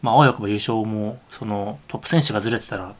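A young man co-hosting a casual podcast chat, answering quickly and eagerly. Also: fairly low pitch. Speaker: podcast co-host.

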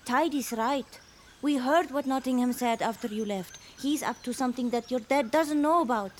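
A woman's voice: high voice, normal speed, darkish tone, slight background noise, close to an everyday voice. A woman voicing an earnest, persuasive animal friend in a children's jungle audio story.

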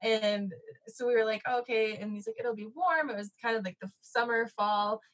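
A woman chatting as a guest, animated and giggly, often laughing while she tells her side of a story. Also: a little high, normal speed, poor audio. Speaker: guest content creator. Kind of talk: casual storytelling interview.

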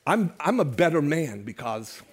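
A man's voice: on the high side, very animated, moderate pace, breathy edge. An older man preaching a sermon as pastor to his church, conversational and joking with the congregation. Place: church sanctuary.

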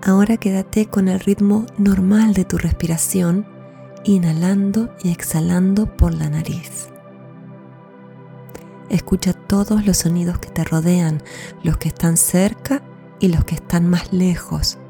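Dark, mellow-voiced woman guiding meditation. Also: fairly low pitch, steady tone, gravelly. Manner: soothing, gentle, unhurried delivery. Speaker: podcast host and meditation guide. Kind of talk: guided mindfulness meditation. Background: soft new-age music.

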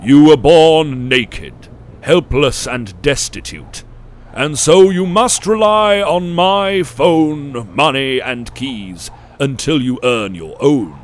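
A man voicing a towering, ancient sun-like elder who smiles and manipulates, speaking in a croaking voice with grand, drawn-out pronouncements. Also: medium pitch, expressive, voice pushed up. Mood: coaxing.

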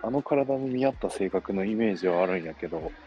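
Low-voiced man, lively delivery. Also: a little fast, creaky, muffled recording, a little hiss or hum. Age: young adult. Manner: relaxed, dialect-heavy banter. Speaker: podcast co-host. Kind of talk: casual chat.

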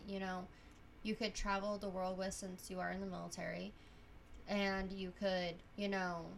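A woman's voice: medium pitch, slight background noise. A woman in her late twenties co-hosting a casual podcast chat, giving earnest, emphatic advice about relationships. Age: late 20s.

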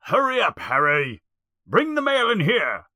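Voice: mid-range voice, very animated, slow pace, a little mellow, dry recording, clean studio sound, exaggerated voice. A narrator playing a blustering, bossy uncle. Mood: angry, barking. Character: blustering, bossy, rattled middle-aged uncle.

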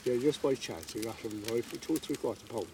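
A man's voice: mid-range voice, lively intonation, a little fast, gravelly, darkish tone, a little hiss or hum. A man with a West of Ireland accent in casual outdoor chat, often repeating his phrases. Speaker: local angler.

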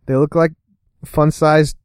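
A man's voice: on the high side, little pitch movement, takes it slowly, clear, resonant tone, no echo. A man co-hosting a casual snack-review podcast, laid-back and teasing. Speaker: podcast co-host.

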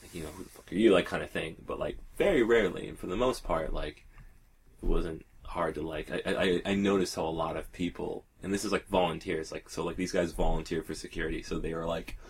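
A man's voice: low voice, steady tone, brisk, slightly rough. A young man telling stories in a casual group chat, rambling with lots of filler words and frequent laughs.

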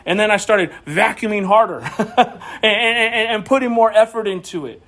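A man with a high voice preaches to his congregation, talking earnestly and personally. He often stumbles and restarts as he tells his story. The sermon sounds like it was recorded in a church. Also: moderate pace, sharp tone. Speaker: pastor.

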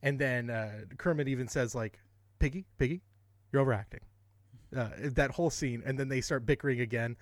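A man's voice: medium pitch, steady tone, brisk, hardly any pauses, no room sound. A man co-hosting a podcast in casual chat, rambling and correcting himself as he goes, often laughing. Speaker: podcast co-host.

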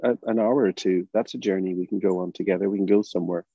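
Older northern irish guy, gravelly and husky, thinks out loud, dull muffled sound. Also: low-pitched, fairly even intonation, no room sound. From Northern Ireland. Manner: thoughtful, halting, many restarts and fillers. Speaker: drama educator guest. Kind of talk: reflective interview talk.

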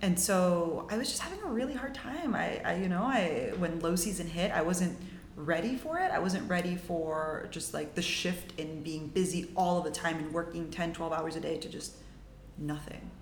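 A woman's voice: on the low side, lively intonation, moderate pace, roomy sound, a little hiss or hum. A young woman in her twenties from Mexico, telling her story as a podcast guest in a chatty, upbeat way full of "like"s and restarts. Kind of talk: casual storytelling.

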